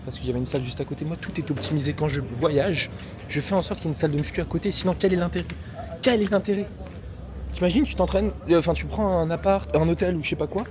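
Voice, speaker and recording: Young male vlogger, rapid rambling chatter, slangy and loose, handheld camera, faint outdoor ambience behind. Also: on the high side, background noise. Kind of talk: casual travel vlog.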